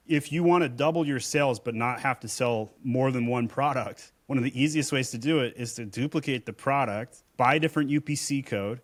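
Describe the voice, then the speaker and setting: A man speaking as a podcast guest in an even middle voice, blunt and emphatic as he makes his points. He talks in a casual, conversational way, telling stories to drive each point home. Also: mid-range voice. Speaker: Amazon seller and agency owner, podcast guest.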